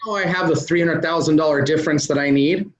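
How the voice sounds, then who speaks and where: Explaining his business ideas step by step, a man interviewed as a real estate investor keeps things conversational with frequent "um" and "uh." His voice runs on the high side with fairly even intonation and a quick pace, heard through a dull lo-fi recording.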